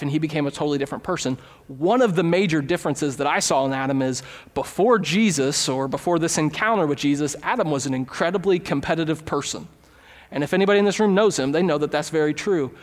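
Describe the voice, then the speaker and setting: A man's voice: fairly high pitch, in a large hall. A man preaching a sermon as pastor in a church, conversational and illustrating his points with everyday stories. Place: church sanctuary.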